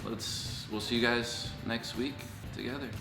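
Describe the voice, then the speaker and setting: A young man hosting a casual Q&A with his housemates, talking loudly and with lots of laughter. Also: mid-range voice, measured pace, over music. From grew up in Houston. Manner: loud, animated, laughing. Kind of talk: casual group chat. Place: house room with friends. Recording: echoey room, faint noise.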